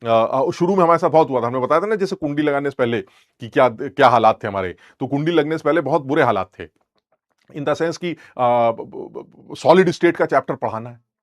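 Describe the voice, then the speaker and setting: A man's voice: medium pitch, expressive, fairly quick, no echo, clean studio sound. A young male chemistry teacher, rambling and joking as he scolds his students playfully. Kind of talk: lecture with teasing asides.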